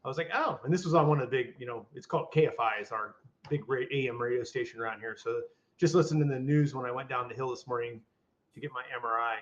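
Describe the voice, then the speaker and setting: A man's voice: mid-range voice, quick pace. Rambling older man on a lo-fi podcast. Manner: rambling, with many restarts and fillers. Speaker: podcast co-host. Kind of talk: casual chat. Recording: dull lo-fi audio.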